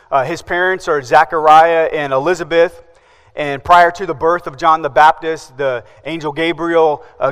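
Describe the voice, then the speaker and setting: A man's voice: on the high side, fairly bright tone, long reverb tail. A man preaching a sermon as pastor, asking the congregation questions and answering them himself.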